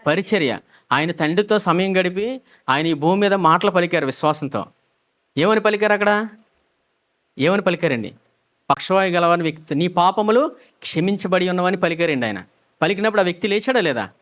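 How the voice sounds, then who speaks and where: A man's voice: high-pitched, fairly bright tone. A male pastor preaching a sermon, asking the congregation questions and repeating the key phrases back.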